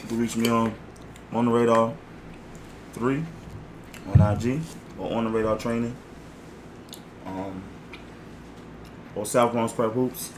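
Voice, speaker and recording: Casual male co-host, mid-pitched, dismissive and laid-back, with clear background noise. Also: fairly even intonation, measured pace, long pauses. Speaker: podcast co-host and basketball trainer. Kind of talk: casual debate chat. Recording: noisy podcast recording.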